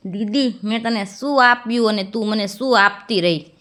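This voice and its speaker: A woman's voice: mid-range voice, moderate pace, a bit bright, natural voice. A woman reading the lines of a remorseful, once-rich younger sister who speaks in a pleading, apologetic way in a narrated storybook tale.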